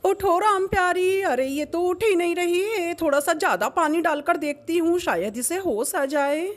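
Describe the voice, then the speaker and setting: A woman's voice: extremely high pitch, normal speed. A woman voicing a caring old village grandmother who fusses anxiously over the children in a doll story. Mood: worried. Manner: fussing, anxious, motherly.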